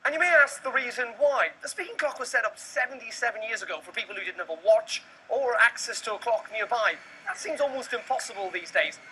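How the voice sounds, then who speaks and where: Bright, higher-pitched British male news reporter. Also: lively intonation, brisk, few pauses, slight background noise, poor audio. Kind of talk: scripted news report narration.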